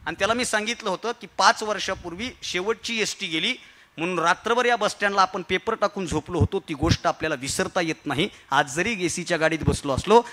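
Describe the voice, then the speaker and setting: A man with a Marathi accent giving a humorous motivational kirtan talk, moving from quiet storytelling to emphatic exhortation with rhetorical questions and repetition. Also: a little high. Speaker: kirtan speaker. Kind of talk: humorous motivational speech to an audience.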